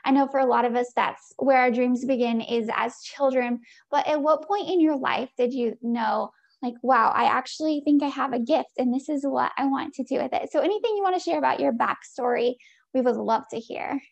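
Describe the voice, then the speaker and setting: A woman's voice: sits high, a little fast, gravelly. A woman hosting a podcast interview, upbeat and effusive. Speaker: podcast host.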